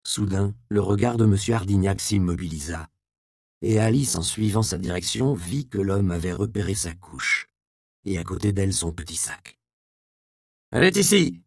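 A man with a low, gravelly voice reads a storybook aloud in measured, expressive narration. The sound is dry and close, with no room around it. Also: no room sound.

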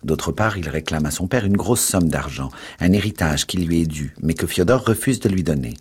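A man presenting a classic novel and reading its narration in a measured, dramatic way. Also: low voice, lively intonation, a little mellow, breathy edge. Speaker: book programme presenter.

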